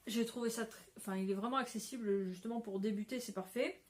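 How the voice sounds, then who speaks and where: A woman's voice: fairly high pitch, steady tone, fast. A woman hosting a casual craft vlog, chatty and rambling, often breaking into laughter, talking to a phone camera indoors at home. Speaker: craft podcaster.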